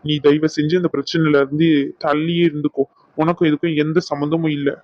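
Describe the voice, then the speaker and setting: A man's voice: fairly high pitch, level tone, fast talker, dry recording, dull audio, lightly acted. A man voicing a stubborn, vengeful young doctor in a cartoon, speaking in a defiant, insistent way. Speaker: voice actor. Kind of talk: cartoon dub acting.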